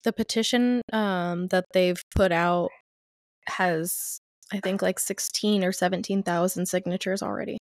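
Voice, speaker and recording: A woman with a lowish voice chats on a podcast, hedging as she goes. The sound is dry and close, with no room around it. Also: steady tone, measured pace, dry recording. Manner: chatty, hedging with "I think" and "like". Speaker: podcast co-host. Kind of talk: casual chat.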